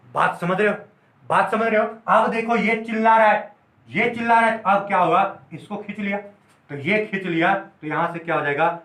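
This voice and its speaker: A high-voiced man teaches chemistry at a whiteboard and keeps asking whether his students follow. He explains with playful everyday stories and slows right down to dictate notes. The sound is roomy and echoey. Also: fairly bright tone. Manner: repeatedly checks students follow.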